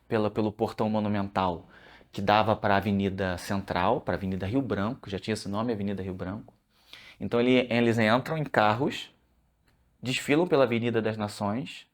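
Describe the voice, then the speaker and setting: A man speaking as a researcher in a documentary interview, explaining at length with frequent restarts. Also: on the low side.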